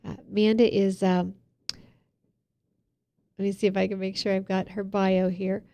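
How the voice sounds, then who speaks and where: A woman's voice: medium pitch, little pitch movement, moderate pace, mellow. A woman hosting a talk show, chatty and loose, with fillers and little asides. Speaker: host.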